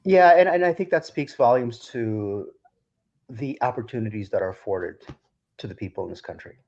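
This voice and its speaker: A man's voice: mid-range voice, normal speed, a little mellow. A man from Ukraine, a DJ guest on a podcast, telling a long story in a rambling way with many restarts. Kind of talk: casual storytelling interview. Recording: dull lo-fi sound.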